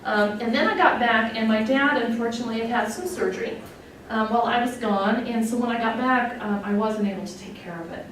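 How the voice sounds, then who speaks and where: This Wyoming woman in her forties, a nurse executive, shares her personal story candidly, with plenty of fillers and emotion on display. She talks briskly with few pauses, in a fairly high, fairly bright voice. The audio has room echo, a distant mic, and faint noise.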